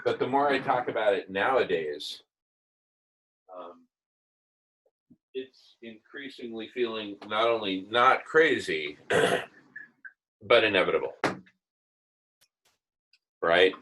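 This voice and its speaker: Low-voiced man, enthusiastic idealistic rambler. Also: expressive, takes it slowly, long pauses, pushed and bright, slight background noise, low-quality recording. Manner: enthusiastic, idealistic, emphatic repetition. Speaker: host of an online group discussion. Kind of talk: casual, rambling visionary talk. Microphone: earbuds on an online video call.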